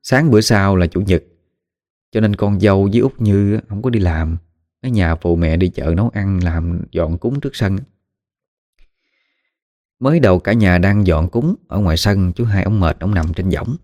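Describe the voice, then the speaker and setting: A man's voice: deep voice, normal speed, warm tone, no echo, clean studio sound. A man with a Southern Vietnamese accent narrating a ghost story in a conversational way with dramatic asides. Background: faint music.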